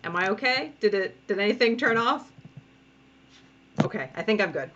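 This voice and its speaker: Her mid-range, expressive voice comes at a normal speed through lo-fi sound with a noisy background. A cartoonist teaching a casual drawing tutorial from home, she's chatty and giggly and frequently interrupts herself to scold her cats.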